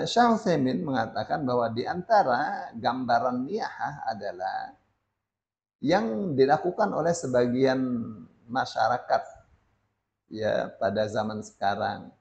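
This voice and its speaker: A man's voice: mid-range voice, creaky, darkish tone. A man teaching a religious lesson in speech, often tagging sentences with "ya" and reading Arabic passages before explaining them. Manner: frequent "ya" tags, reads Arabic text then explains. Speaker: Islamic teacher. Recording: dull lo-fi recording.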